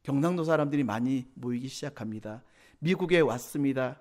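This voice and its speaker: A man's voice: mid-range voice, brisk, darkish tone. A male pastor preaching a Sunday sermon to young adults, teasing the congregation with questions and acting out quoted church members in changed voices. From Korea. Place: church sanctuary.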